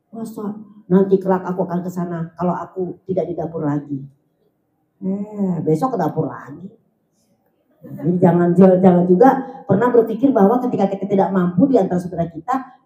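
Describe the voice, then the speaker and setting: A woman's voice: medium pitch, mellow. A woman religious teacher gives a casual, joking sermon to women in a mosque hall and acts out the voices of the people she quotes. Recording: echoey hall.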